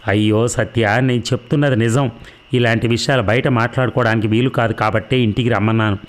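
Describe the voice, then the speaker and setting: A man's voice: medium pitch, fairly even intonation, fairly quick, natural voice. A man voicing a young man torn between his lover and his mother, firm yet regretful. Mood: resolute.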